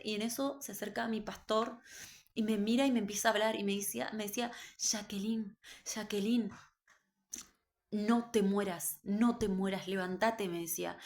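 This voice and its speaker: Earnest woman. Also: mid-range voice. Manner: earnest, slow, emotional storytelling. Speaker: believer recounting a vision. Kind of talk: religious testimony.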